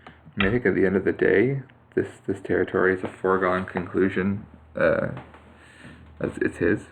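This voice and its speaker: A man's voice: low voice, fairly even intonation, normal speed, vocal fry, slight background noise. A man casually commenting live on his own Go game, thinking aloud with many fillers and restarts. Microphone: computer mic on a screen capture.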